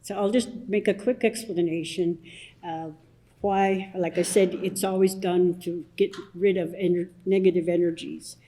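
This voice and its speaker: Older woman elder opening a community assembly; slow, soft and halting, low warm tone. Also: steady tone, poor audio. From Blood Tribe, southern Alberta, Canada. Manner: soft-spoken, halting, many pauses and restarts. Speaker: elder leading smudge ceremony. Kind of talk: opening blessing and explanation at a public assembly.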